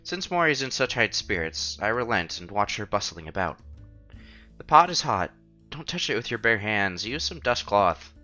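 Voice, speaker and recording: Over background music on a slightly dull, lo-fi recording, a man streams himself reading a visual novel, interrupting the text with casual remarks. His voice is lowish yet bright and forceful, with a playful, sing-song lilt. He keeps a normal speed.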